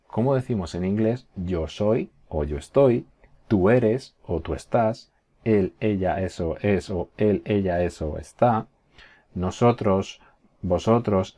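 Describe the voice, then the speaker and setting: A male teacher giving a recorded class, patiently explaining and slowly modeling example phrases, often checking in with his students. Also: fairly low pitch, warm tone. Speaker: English teacher.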